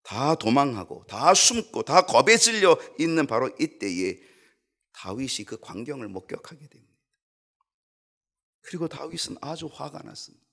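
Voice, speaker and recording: A man preaching a sermon as a church pastor, swinging from loud emphatic peaks to hushed low asides and briefly voicing the people in his story. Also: sing-song, normal speed, vocal fry. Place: church sanctuary.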